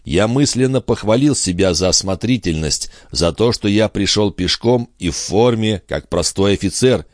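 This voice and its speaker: A man narrating an audiobook in a calm, even storytelling manner. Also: deep voice, no room sound, clean studio sound.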